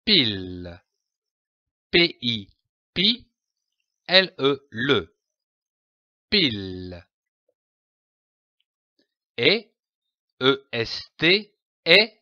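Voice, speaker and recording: A man leads a slow pronunciation lesson, sounding out each letter and syllable with great care. His voice is bright and swings widely in pitch. The close voice-over is dry, with a slightly dull, lo-fi sound. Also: very animated, no room sound. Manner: spells out letters and syllables one by one. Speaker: French pronunciation teacher.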